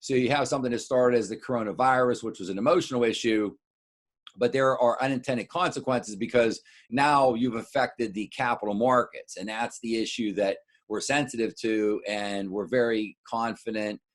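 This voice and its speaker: At medium pitch and with a steady tone, a middle-aged American wealth adviser talks clients through the markets informally. He keeps halting, repeating words, and inserting explanatory asides.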